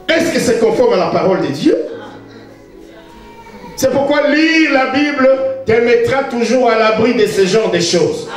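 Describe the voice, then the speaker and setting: A man in his fifties preaching a Sunday sermon as pastor, emphatic and teasing, now and then bursting into shouts. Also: very high-pitched. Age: 50s. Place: church. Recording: echoey church hall, distant mic.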